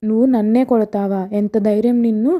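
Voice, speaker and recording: A woman's voice: medium pitch, steady tone, brisk, dark tone, close to an everyday voice. Woman voicing a haughty possessed girl. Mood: demanding. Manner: demanding, haughty. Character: possessed young woman, imperious grandmother's spirit.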